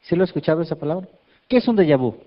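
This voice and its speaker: Male pastor, fairly high voice, animated joking sermon, dull lo-fi recording. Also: rapid-fire. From Mexico. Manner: lively, asks the congregation questions, self-mocking humor. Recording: dull lo-fi sound.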